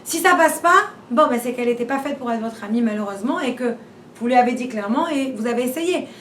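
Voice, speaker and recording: A woman's voice: fairly high pitch, lively intonation, fast talker, a bit bright. A woman giving an informal class, chatty and full of rhetorical questions, repeating and restarting as she talks. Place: room where she teaches a class. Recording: roomy and distant, faint background noise.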